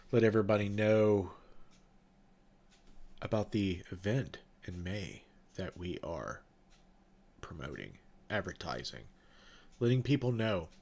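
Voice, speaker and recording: In a casual livestream chat with viewers, a ghost-hunting event organizer speaks in a low, stuffed-up, nasal voice. His talk is loose and rambling, packed with fillers and restarts.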